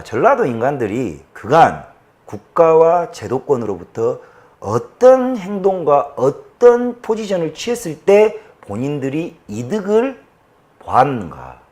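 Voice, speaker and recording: A man with a Jeolla Korean accent hosting a political commentary show, ranting in a fiery, profane way that swings from shouting to low muttering. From Jeolla, South Korea. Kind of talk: political rant to an audience.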